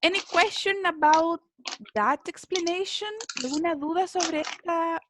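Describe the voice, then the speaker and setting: A woman's voice: extremely high pitch, slow pace, background noise. A woman, teaching a basic English class online, explaining patiently and checking in often.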